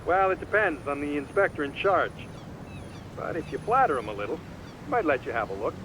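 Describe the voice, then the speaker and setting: A man's voice: on the high side, sing-song, brisk, noisy background. A man voicing a pragmatic, encouraging lawyer in a video game, matter-of-fact and cajoling. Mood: advising.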